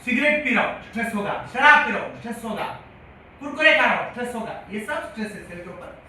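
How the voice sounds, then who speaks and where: Bright high-pitched guy teaching a health class, keeps asking the crowd questions, recorded from far off in a big echoey room. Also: animated, quick pace. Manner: repetitive, quizzes the audience. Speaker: health lecturer. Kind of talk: classroom-style lecture. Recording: echoey hall from far off, faint hiss.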